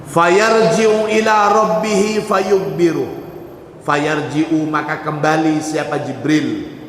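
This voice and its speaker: A man's voice: a little high, fairly even intonation, slow pace, a bit bright, a little hiss or hum. A man teaching a religious text to students, reading out Arabic phrases and explaining each one in turn. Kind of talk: kitab study sermon. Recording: echoey hall with long reverb.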